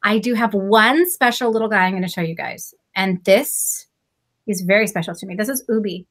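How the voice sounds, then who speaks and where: A middle-aged woman, a reading tutor, hosting a casual live-stream chat on a video call, animated and quick to laugh, with lots of fillers. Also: mid-range voice.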